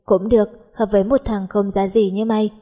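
A woman's voice: mid-range voice, flat delivery, fairly quick, warm tone, natural voice. A woman doing a cocky teasing schoolboy. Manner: teasing, bickering.

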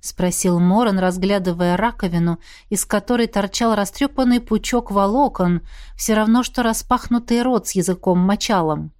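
Woman, audiobook narration, fantasy novel, steady even delivery, middle pitch. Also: normal speed, hardly any pauses.

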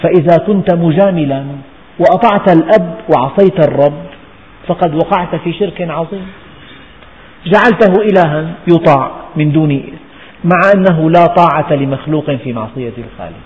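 An older man, preaching a slow, measured, emphatic Quran lesson in a lo-fi recording with long hall reverb. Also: fairly high pitch. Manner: slow, measured, emphatic delivery with dialect asides.

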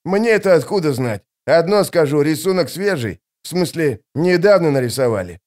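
A man's voice: a little high, expressive, moderate pace, darkish tone, voice pushed up, lightly acted. A man narrating an audiobook, voicing an irritable, hot-tempered male army mage. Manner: snappy, irritable.

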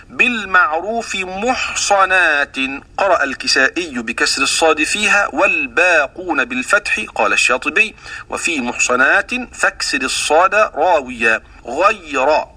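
A man's voice: a little high, sharp tone, breathy edge, far from the mic. A man teaching the readings of the Quran, explaining rules and then chanting verses and quoted teaching poems as examples.

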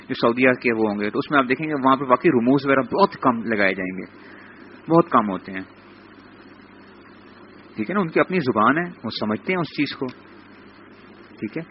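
A man's voice: mid-range voice, dull audio, slight background noise. A man teaching a Quran class in a live lecture, explaining patiently and checking in with his listeners again and again. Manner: repeats "theek hai" as a check-in; explains slowly, spelling out letters. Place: lecture room.

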